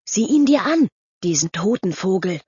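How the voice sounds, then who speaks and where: A woman's voice: medium pitch, very animated, normal speed, darkish tone, breathy edge, no room sound. A woman voicing a suspicious, mocking teenage boy who talks in scornful slang. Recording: dull lo-fi audio.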